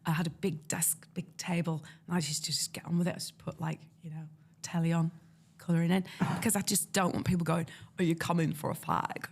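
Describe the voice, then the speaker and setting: North east english woman, guest on an interview, lively storyteller, husky gravelly voice. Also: fairly low pitch, fast. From North East England. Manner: lively, acts out quoted voices. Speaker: guest illustrator.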